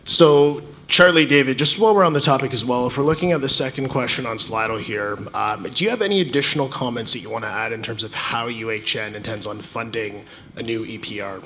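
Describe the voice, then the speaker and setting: A man's voice: mid-range voice, brisk, pushed and bright, a little hiss or hum. A man moderating a town hall, putting an audience question to the speakers.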